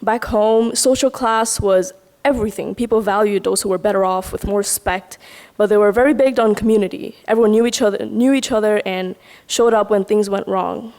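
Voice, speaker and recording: A young woman from Guyana, a student, reads a prepared personal speech to a room. She delivers it in an earnest, reflective, steady manner, at a medium pitch. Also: brisk. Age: young adult. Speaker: student speaker. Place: lecture hall at a summit.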